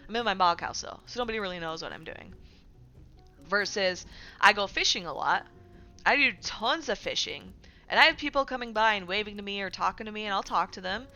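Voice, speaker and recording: Faint music plays behind a fairly quick, mid-range female voice that sounds pushed and bright, though the audio is dull. She's a streamer talking casually to viewers, leaning heavily on fillers and repeatedly asking "right?"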